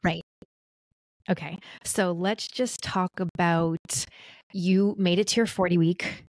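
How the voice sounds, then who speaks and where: A woman's voice: fairly low pitch, steady tone, takes it slowly, dry recording, studio quality. A woman hosting a casual interview, giving short agreeing replies and prompting her guest with questions. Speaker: podcast host.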